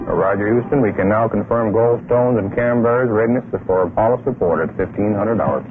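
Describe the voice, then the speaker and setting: A man as a tracking network controller, confirming readiness over a tinny space radio link in brisk radio procedure. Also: on the low side. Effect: tinny space radio transmission. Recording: tinny narrow-band radio with music.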